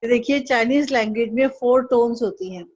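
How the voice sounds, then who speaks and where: A woman's voice: a little high, a little fast, a little mellow, dry recording, muffled recording. A woman teaching an online Chinese lesson, patiently drilling syllables and tones for the student to repeat.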